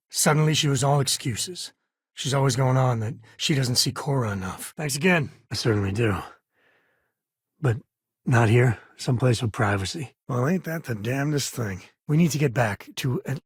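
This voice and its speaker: Sam Coe, husky easygoing space cowboy. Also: male voice, medium pitch, moderate pace, no echo, studio quality. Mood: sincere. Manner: folksy, conversational, wry. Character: easygoing, warm-hearted frontier spacefarer, a devoted father. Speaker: video game companion character. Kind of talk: video game character dialogue.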